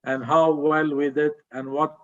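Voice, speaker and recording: Middle-aged male club evaluator, slow formal public speaker, slightly dull recording. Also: on the high side, flat delivery. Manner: measured, deliberate, formal.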